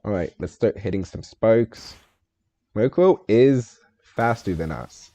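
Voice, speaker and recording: A man's voice: on the low side, expressive, takes it slowly, dark tone, dry recording. A man streaming a game live, thinking aloud, answering chat and joking about himself in a casual way. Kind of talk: live gameplay stream commentary.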